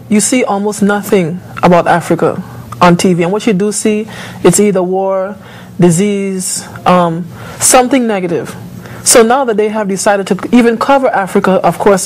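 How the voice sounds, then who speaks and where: Guyana-born, New York-raised woman guest, measured and thoughtful, mid pitch. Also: darkish tone, slight background noise, low-quality recording. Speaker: talk show guest. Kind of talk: TV talk show interview.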